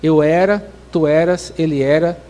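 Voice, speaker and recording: A man's voice: a little high, steady tone, moderate pace, dark tone. A man pastor, preaching a sermon in an explanatory way and often restarting his phrases.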